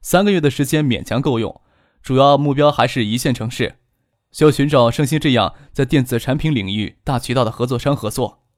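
Shrewd young businessman, read by a male narrator for an audiobook. Composed and measured. Dry, close sound. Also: medium pitch, no echo, close to an everyday voice.

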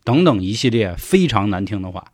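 Lively Beijing-accented male storyteller. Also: fairly low pitch, brisk, slightly rough, dry recording, studio quality. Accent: Beijing Mandarin. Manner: lively, chatty, colloquial. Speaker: urban legend storyteller. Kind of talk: podcast storytelling.

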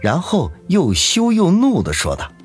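A man narrating an audiobook in a lively, dramatic storytelling manner. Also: sits high, measured pace, breathy edge, soft background music.

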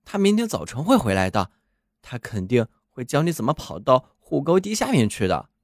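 A man voicing an old chained watchdog with a hoarse voice, gruff and know-it-all. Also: mid-range voice, huge pitch swings, normal speed, dry recording, studio quality.

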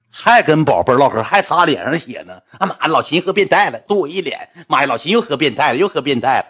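Fast, husky man with a Northeastern accent. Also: medium pitch. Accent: Northeastern Mandarin. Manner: rambling, colloquial, repeats himself. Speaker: storyteller. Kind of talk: casual anecdote telling.

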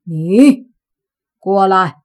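A woman reading an audiobook and voicing a stern, proud middle-aged father who speaks gruffly and scolds slowly and weightily. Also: fairly low pitch, exaggerated voice.

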